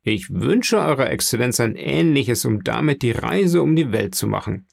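A man's voice: medium pitch, big pitch swings, moderate pace, gravelly, husky, dry recording, clean studio sound, exaggerated voice. A man voicing a grown sailor who answers respectfully and evasively. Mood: guarded. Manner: respectful, addresses his listener formally. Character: adult male sailor, guarded and evasive.

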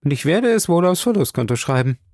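A man voicing a chattering, warm-hearted older woman who gushes breathlessly. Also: a little high, big pitch swings, quick pace, no echo, studio quality, voice pushed up. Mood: gushing.

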